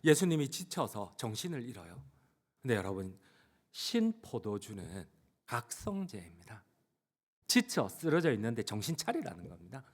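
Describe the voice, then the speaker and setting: A male pastor delivering an impassioned sermon in a church, swinging between quiet asides and fervent cries. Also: medium pitch, very animated, normal speed, slightly rough. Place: church sanctuary.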